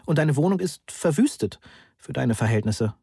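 A man's voice: medium pitch, lively intonation, normal speed, vocal fry, warm tone, slightly rough, dry recording, studio quality, voice pushed up. A man voicing a worried middle-aged mother who keeps herself tightly controlled, icily polite and clipped. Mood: coldly controlled.

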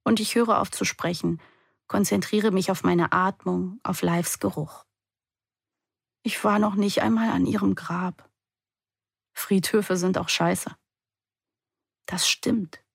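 A woman reading a first-person novel aloud in a quiet, intimate way. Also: mid-range voice, fairly even intonation, a little slow, vocal fry, long pauses, slightly rough, no room sound, clean studio sound. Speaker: audiobook narrator.

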